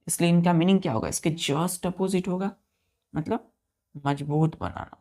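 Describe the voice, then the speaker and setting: A man teaching vocabulary, spelling each word letter by letter, counting aloud and repeating key words slowly for his students. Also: on the high side, darkish tone. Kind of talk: vocabulary lesson.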